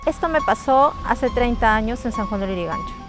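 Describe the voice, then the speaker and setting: A woman with a Peruvian Spanish accent calmly recounting a childhood paranormal memory, explaining steps with small slips. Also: fairly high pitch, a little fast, over music. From Peru. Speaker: storyteller sharing a personal experience. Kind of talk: casual spoken anecdote.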